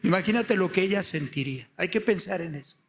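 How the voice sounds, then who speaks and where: A man preaching a sermon, telling the story with many rhetorical questions and building to loud, impassioned emphasis. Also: high voice, lively intonation, brisk.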